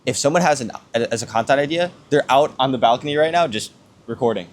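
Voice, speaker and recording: A man with a medium-pitched voice talks casually as a motivational podcast co-host. He builds his points with rhetorical questions and short tag questions that seek agreement. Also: fast talker, a little hiss or hum. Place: outdoors on a villa balcony.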